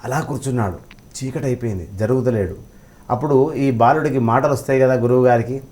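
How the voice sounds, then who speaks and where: A religious scholar appearing as a guest tells devotional stories in conversation, his medium-pitched voice quick and slightly mellow. He speaks emphatically, posing rhetorical questions and acting out quotes.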